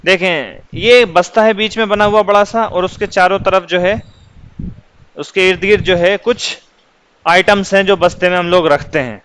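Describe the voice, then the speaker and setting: High, smooth-voiced male teacher. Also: fairly bright tone, poor audio. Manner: patient, asks questions and answers them himself. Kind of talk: explaining English words to children.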